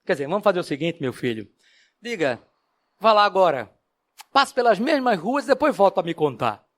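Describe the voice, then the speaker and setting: A wise mother donkey in a told fable, as a man puts her on. She questions her son gently and patiently, her voice still moving with lively rises and falls. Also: high-pitched, brisk.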